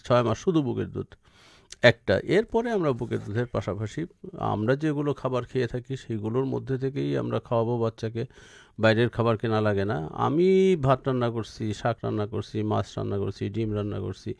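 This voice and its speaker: A man's voice: medium pitch, brisk, vocal fry, a little mellow, no room sound. A man with a Bangladeshi accent explaining advice as a radio phone-in expert, with emphatic, repetitive lists. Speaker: expert guest answering listeners' questions.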